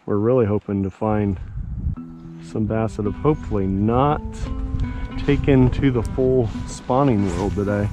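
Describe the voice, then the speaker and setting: With faint music behind him, a middle-aged man talks through his outdoor fishing vlog on and around a pond, addressing viewers and himself informally. He uses a handheld or worn action camera, and his fairly low voice is unhurried and warm.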